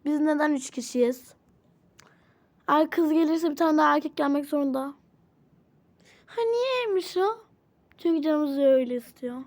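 A woman's voice: sits high, fairly even intonation, fairly quick, a little mellow. A woman casually role-playing a doll game, switching between characters and exclaiming often. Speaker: channel host playing all characters.

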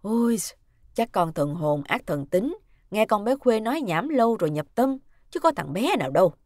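Woman doing an elderly grandmother, shrill, irritable, panicky, high, swooping voice, dry recording. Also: sing-song, moderate pace, dry recording. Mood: dismissive. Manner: shrill, cries out loudly. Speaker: mother-in-law character.

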